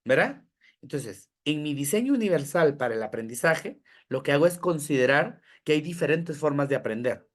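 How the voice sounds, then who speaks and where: A teacher trainer in educational psychology gives an online training lecture to teachers, explaining step by step, listing examples and repeatedly checking in with "¿verdad?". He speaks to listeners directly and asks how they are following. His voice is on the high side and expressive, at a moderate pace.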